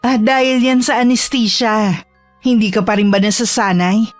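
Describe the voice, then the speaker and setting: A woman's voice: fairly high pitch, steady tone, moderate pace, dry recording, faint music behind, lightly acted. Woman playing a coaxing sinister doctor. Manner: reassuring, coaxing, defensive. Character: smooth-talking sinister female doctor. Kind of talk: audio drama acting.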